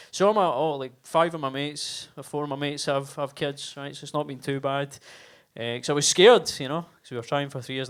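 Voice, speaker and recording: Higher-voiced man doing stand-up. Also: a bit bright. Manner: chatty, swearing, self-mocking asides. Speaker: stand-up comedian. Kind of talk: live stand-up set. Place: basement comedy club.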